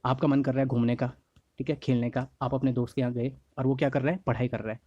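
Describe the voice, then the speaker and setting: A male tutor with a warm, mellow tone and a slight hoarseness from a sore throat, drilling study mnemonics. He repeats each phrase slowly, often checking whether the class has followed. The sound is dry and close, a little dull and lo-fi. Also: medium pitch, level tone, no room sound. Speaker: teacher. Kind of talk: classroom-style lesson teaching memory tricks.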